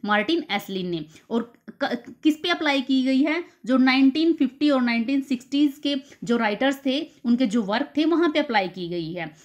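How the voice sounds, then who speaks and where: A woman teacher explaining literature terms for an exam, slowly repeating key terms. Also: high voice, animated. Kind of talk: exam-prep lecture.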